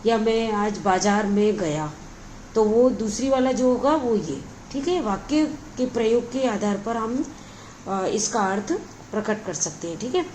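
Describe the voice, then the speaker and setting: A woman's voice: on the high side, lively intonation, measured pace, darkish tone, a little hiss or hum, poor audio. A woman teaching a grammar lesson, explaining each point patiently and checking in with her listeners again and again. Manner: patient, repeats words and adds frequent check-ins.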